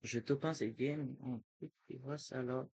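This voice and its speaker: A young man giving live gameplay commentary, excitable and full of street slang, swinging between muttering to himself and yelling. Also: mid-range voice, normal speed, breathy edge. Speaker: gaming streamer.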